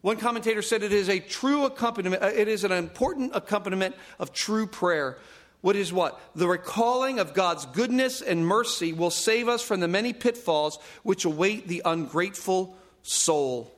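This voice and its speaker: High-voiced man preaching with emphasis. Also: expressive, moderate pace. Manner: emphatic, repeats phrases for stress; self-aware humor about raising his voice. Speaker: pastor. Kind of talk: sermon.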